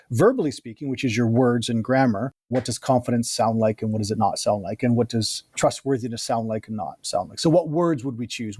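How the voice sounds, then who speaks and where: Brisk, lively communication coach, man. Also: medium pitch, breathy edge, dry recording, clean studio sound. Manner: lively, explanatory, quick bursts and laughs. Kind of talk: casual interview talk.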